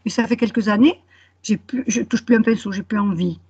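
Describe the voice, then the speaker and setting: Husky, creaky woman, halting and self-conscious. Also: mid-range voice, mellow. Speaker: client in a hypnosis session. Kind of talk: hesitant personal conversation. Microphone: video call microphone. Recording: dull lo-fi call audio.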